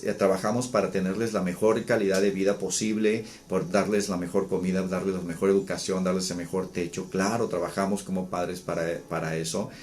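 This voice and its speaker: Deep-voiced man explaining parenting. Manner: calm, explanatory, with many restarts and fillers. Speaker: psychologist. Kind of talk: talking to camera about parenting.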